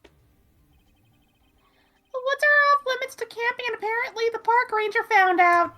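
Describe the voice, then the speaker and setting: A player doing a helium-squeaky Detective Gumshoe. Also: expressive, moderate pace, sharp tone, full character voice. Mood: chatty. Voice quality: high and squeaky from inhaled helium. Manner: hearty, calls people pal. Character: excitable adult male detective, friendly and loud. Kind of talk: live fan voice acting of a game.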